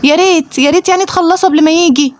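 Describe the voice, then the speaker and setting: Egyptian accent, woman voicing a fed-up mom, fast scolding, high voice. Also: a little hiss or hum. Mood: exasperated. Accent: Egyptian Arabic. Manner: exasperated rapid scolding, threatening. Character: harried mother scolding her two children. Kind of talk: playful toy role-play voicing.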